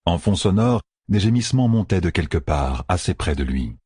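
A male audiobook narrator reads in steady, scripted narration at normal speed, his voice very low, husky and breathy. The recording is dry and close, with no room sound around it.

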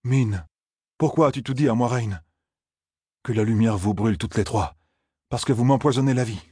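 A man reading an audiobook voices a young apprentice blacksmith who grumbles in an exasperated, gruff way. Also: mid-range voice, moderate pace, darkish tone, no echo, studio quality, voice pushed up, lightly acted.

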